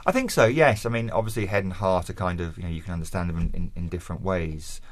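A man's voice: sits low, fast, no room sound. A man from Essex with a southern English accent, answering interview questions in an articulate, considered, erudite way. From Essex, England. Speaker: interview guest, author.

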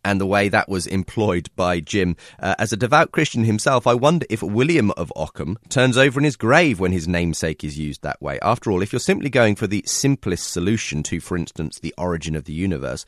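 A British man hosting a radio show, his voice slightly croaky and hoarse from a cold as he presents listener feedback. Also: low voice, expressive, brisk, few pauses, no echo, studio quality.

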